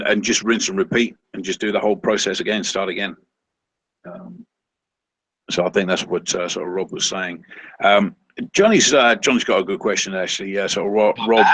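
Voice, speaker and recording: A man co-hosting a casual online coaching call, talking in halting bursts full of ums and restarts. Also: low voice, fairly bright tone, no echo, low-quality recording. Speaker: co-host of a seller coaching webinar.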